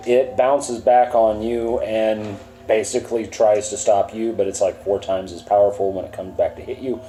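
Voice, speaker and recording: A man running a tabletop game as dungeon master, narrating scenes in a slow, halting way with many fillers. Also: medium pitch, dark tone, poor audio.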